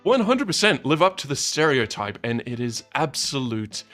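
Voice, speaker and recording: A man's voice: medium pitch, big pitch swings, moderate pace, bright, forceful tone, faint music behind. A man streaming a video game, chatting playfully and teasing his viewers. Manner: playful, teasing, laughs often. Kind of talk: casual game stream chat.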